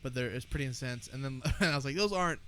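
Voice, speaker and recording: Bright-voiced, boisterous American frat-bro guy. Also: medium pitch, little pitch movement, rapid-fire, slight background noise. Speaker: podcast co-host. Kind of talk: casual chat, storytelling.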